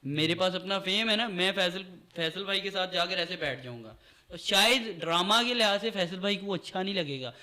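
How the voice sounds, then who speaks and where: A man's voice: high-pitched, pushed and bright. A young man speaking as a guest in a casual chat, earnest and emphatic about working hard and respecting seniors. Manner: earnest and emphatic, calls the host "bro". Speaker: guest, social media creator and actor.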